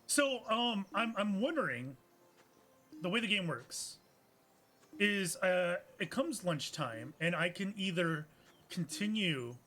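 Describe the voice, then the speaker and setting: High, animated man musing through gameplay. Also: slow pace. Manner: musing, hesitant, self-correcting. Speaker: gameplay streamer. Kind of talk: let's play commentary.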